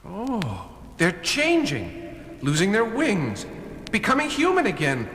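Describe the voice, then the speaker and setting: High, excitable Robin, teen sidekick. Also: male voice, slow pace, full character voice. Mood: amazed. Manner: exclamatory, wide-eyed. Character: Robin, eager excitable teenage boy sidekick. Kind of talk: 1970s children's record superhero audio drama. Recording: 1970s record, music behind.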